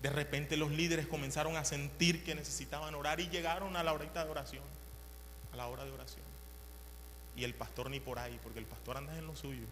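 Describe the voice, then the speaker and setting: Male preacher, story-sermon; slightly high voice, reverberant hall with faint hum. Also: a little fast. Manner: animated, repetitive, swings from hushed to loud.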